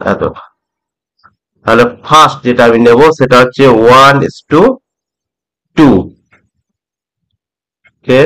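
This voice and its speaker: A middle-aged man from West Bengal teaching a trading method, talking slowly and repeating points, often checking that the listener follows. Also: medium pitch, a bit bright, rough recording. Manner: slow, repeats points, asks "ঠিক আছে?" often. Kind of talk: slow explanatory tutorial.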